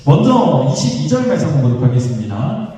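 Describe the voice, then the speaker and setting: A man preaching a Sunday sermon as pastor, with a sung cadence and lively acted voices for the crowd. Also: a little high, fairly quick, recorded from a distance. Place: church sanctuary. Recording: echoey church hall miked from afar.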